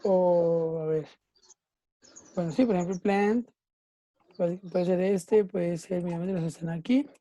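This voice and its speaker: A woman's voice: fairly low pitch, slow, pauses often, dark tone, dry recording. A woman teacher, patiently explaining a grammar rule in an online class and checking often that students follow. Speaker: English teacher.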